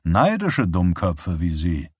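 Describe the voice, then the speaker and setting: A man voicing a menacing male thug who delivers quiet, sneering threats in a low, dry voice. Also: wildly swooping pitch, slow, husky, no room sound, exaggerated voice.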